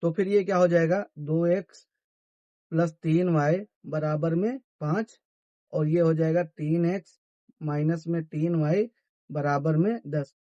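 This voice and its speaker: A man's voice: a little high, a little slow, warm tone, no room sound, dull audio. A man teaching a math lesson who asks his students questions and answers them himself. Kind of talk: classroom-style math lesson.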